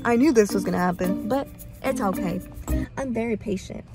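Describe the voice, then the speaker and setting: A woman's voice: mid-range voice, a little fast, music in the background. A nineteen-year-old woman filming a casual, slangy vlog on a phone held at arm's length inside a car, laughing often. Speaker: vlogger. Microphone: phone camera held at arm's length.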